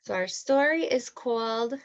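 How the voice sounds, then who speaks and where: A woman teacher leads an online read-aloud for young children, speaking slowly and clearly. Her voice sits a little high, and she keeps asking questions and praising every answer. The sound through her computer mic is dull and lo-fi. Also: animated.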